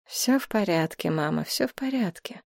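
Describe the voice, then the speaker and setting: A composed young heiress, voiced by a woman reader who speaks firmly and deliberately. Her voice sits slightly above the narration and is recorded dry. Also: fairly low pitch, animated, gravelly, a little mellow, no room sound. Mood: tired.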